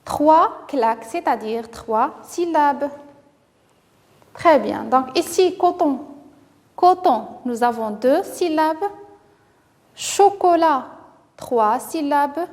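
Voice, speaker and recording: A high-pitched woman teaches young children to read, talking slowly and stretching each word so the sounds come through. She praises them often. Her voice trails off in a long reverb. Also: expressive, darkish tone. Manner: slow, carefully articulated, drawing out words to model sounds; encouraging, with frequent praise. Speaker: primary school teacher. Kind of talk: reading lesson for young children.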